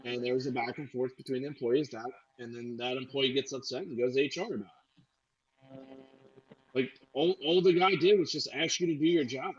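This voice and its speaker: A man's voice: mid-range voice, fairly quick, husky. Rambling, slightly muffled male co-host. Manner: rambling storyteller with many fillers and restarts. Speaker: podcast co-host. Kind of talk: casual talk radio chat.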